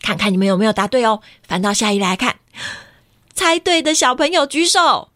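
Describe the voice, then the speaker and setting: A woman reading a picture book aloud to children in an animated way, often stopping to ask them questions. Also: on the high side, a little fast, no room sound, studio quality. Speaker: children's storyteller.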